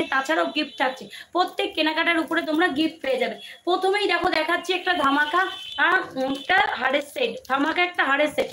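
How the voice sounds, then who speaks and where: Woman, very high voice, live-stream seller, coaxing, repetitive, strained throat, no mic, faint background noise. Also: sharp tone. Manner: repetitive, coaxing, many fillers and restarts. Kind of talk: casual live-stream sales pitch. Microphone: no microphone, phone or camera mic.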